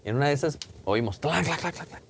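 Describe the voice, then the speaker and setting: A man's voice: a little high, animated, quick pace, gravelly, a little hiss or hum. A man telling a ghost story in casual chat, acting out voices and sounds. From Mexico. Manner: colloquial, vivid, acts out quotes and sounds. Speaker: podcast host.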